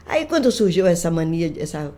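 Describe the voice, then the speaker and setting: An older woman, a grandmother, chatting on a podcast and retelling family stories with lively quoted voices. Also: on the low side, brisk. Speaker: guest, folklorist. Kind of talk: casual storytelling conversation.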